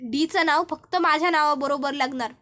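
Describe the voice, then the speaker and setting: A woman acting as a possessive young woman from a retold serial. She rants bitterly in a very high voice, spitting out insults at her rival. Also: normal speed, a bit bright. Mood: furious. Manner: bitter, ranting.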